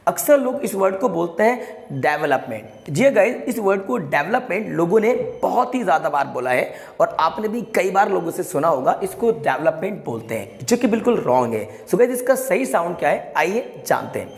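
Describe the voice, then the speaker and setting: In a classroom-style pronunciation lesson, a man with a high-sitting, very animated, creaky voice teaches English, emphatic and repetitive as he draws each word out slowly. Addressing viewers as "guys," he coaxes everyone to repeat each word with him. The room is echoey with long reverb.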